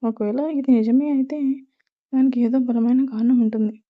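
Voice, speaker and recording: A steady, protective middle-aged father who reassures his daughter in quiet, even words, as a woman reads him. The voice stays fairly high, with a thin, phone-like sound. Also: brisk, no room sound, natural voice. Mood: calm.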